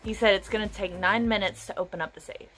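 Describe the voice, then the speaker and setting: A woman's voice: mid-range voice, fast talker, faint music behind. A young adult woman vlogging, casually retelling a story with lots of "you know" and acted-out dialogue. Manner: animated retelling full of quoted dialogue and fillers like "you know".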